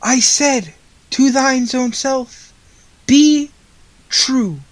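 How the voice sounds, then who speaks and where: A performer playing a merry, stately Santa Claus in a mock-Shakespearean radio play, declaiming slowly and theatrically. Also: high-pitched, no room sound. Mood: solemn, urging. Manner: slow, declamatory, theatrical delivery.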